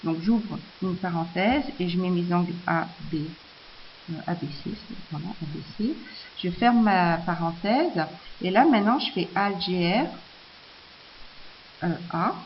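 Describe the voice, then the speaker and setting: A woman explaining software step by step in a screencast tutorial, hesitant, with many fillers and restarts. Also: on the low side, animated, a little slow. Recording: slightly dull lo-fi audio with faint hiss.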